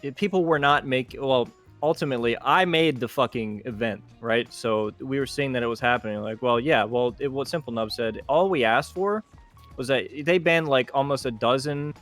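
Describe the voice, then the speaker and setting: Guy on a gaming stream going off, cursing constantly, average pitch. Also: moderate pace, a bit bright, soft background music. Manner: heated ranting, heavy swearing. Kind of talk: casual gaming chat.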